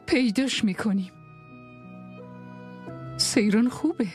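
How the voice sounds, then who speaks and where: An actress playing a gentle mother figure, speaking softly and soothingly in a dubbed drama, with faint music behind. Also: fairly high pitch, animated, natural voice. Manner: soft, soothing.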